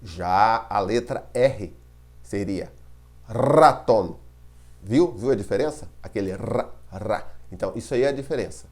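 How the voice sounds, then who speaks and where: A man's voice: lowish voice, normal speed, gravelly, a little mellow. A man with a Brazilian Portuguese accent teaching a distance-learning Spanish lesson, patiently repeating words to show their sounds and checking in with his students.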